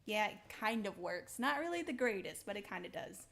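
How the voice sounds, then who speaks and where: A young woman casually talking through her building in a video game, rambling slowly with lots of ums and little laughs. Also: medium pitch, sing-song, creaky, fairly bright tone. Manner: slow, rambling, giggly, full of ums. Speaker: streamer building in a survival game. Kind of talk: casual gameplay commentary.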